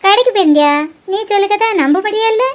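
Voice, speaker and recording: A woman's voice: very high-pitched, fast, slight background noise. A woman voicing a nosy, gossiping old village grandmother in a cartoon. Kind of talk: cartoon voice acting.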